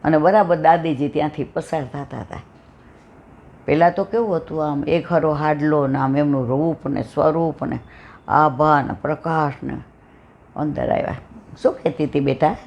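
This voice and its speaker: A woman's voice: deep voice, normal speed, gravelly, a little mellow, muffled recording. An older woman gives a devotional satsang talk, earnestly telling family stories and asking her listeners questions. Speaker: satsang speaker. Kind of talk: devotional talk with personal storytelling.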